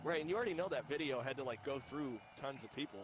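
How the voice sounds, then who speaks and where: A man's voice: medium pitch, lively intonation, fast talker, background noise. Young guy streamer rambling on while he races, laughs a lot, super casual. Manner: rambling, laughs often, chatty. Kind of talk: casual chat while gaming.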